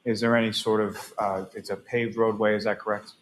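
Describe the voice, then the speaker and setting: A man serving as prosecutor, asking a witness measured, halting questions with frequent pauses and throat clearing, heard through a courtroom recording. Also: fairly low pitch, level tone, poor audio.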